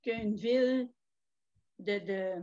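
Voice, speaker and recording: A woman on a video call, chatting as a webinar participant, animated and telling anecdotes with quoted dialogue. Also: mid-range voice, extremely slow, lo-fi sound. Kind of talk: casual chat.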